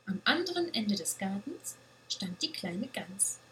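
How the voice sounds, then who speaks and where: Slow, gentle woman storyteller. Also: mid-range voice, a little hiss or hum, poor audio. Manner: gentle, expressive read-aloud. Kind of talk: children's story reading.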